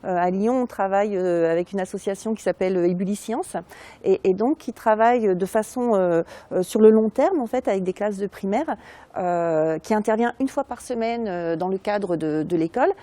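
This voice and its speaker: A woman sociologist, explaining her research in an interview, pausing often with fillers and restarts. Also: mid-range voice, mellow, no echo. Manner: hesitant, many fillers and restarts.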